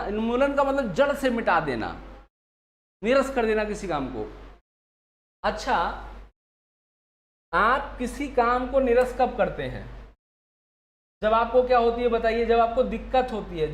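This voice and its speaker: Guy teaching vocab for exams, keeps asking the same question over and over, echoey room with a bit of hiss. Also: high voice. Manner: drills with repeated rhetorical questions. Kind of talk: online exam-prep vocabulary lesson.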